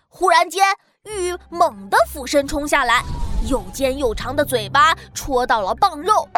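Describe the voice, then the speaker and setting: Give me a woman with a high voice narrating a children's story gently. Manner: gentle, expressive, slow-paced.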